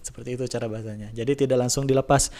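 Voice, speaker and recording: A man teaching a tajwid lesson, in a relaxed explaining voice, slowly drawing out recitation examples. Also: medium pitch. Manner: slow drawn-out recitation demos between relaxed explanations. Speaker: religion teacher.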